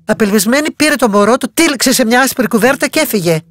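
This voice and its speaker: A woman voicing a wise, consoling old village woman in a bedtime story, low and slow. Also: lively intonation, close to an everyday voice.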